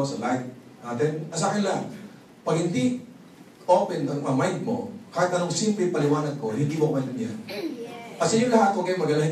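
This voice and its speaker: Animated Filipino seminar speaker in echoey hall. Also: male voice, fairly high pitch. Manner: storytelling, acts out both sides, laughs often. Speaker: marketing plan presenter. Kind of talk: animated motivational seminar talk. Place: large hall with live audience. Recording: echoey hall, crowd noise, distant mic.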